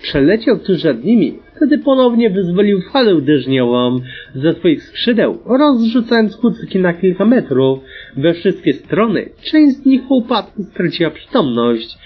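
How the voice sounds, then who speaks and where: An audiobook reader narrates a storybook in a lively, dramatic style at normal speed. His husky voice sits on the high side and swings widely in pitch, and the recording is dull and lo-fi.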